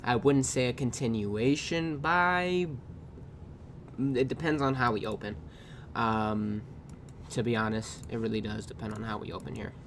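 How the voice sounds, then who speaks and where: A man casually reviewing his trading day, tired and yawning, talking in a loose, unhurried way with drawn-out pauses and the odd swear word. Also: medium pitch, background noise. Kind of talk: casual screen-recorded trade review. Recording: clear keyboard typing in background.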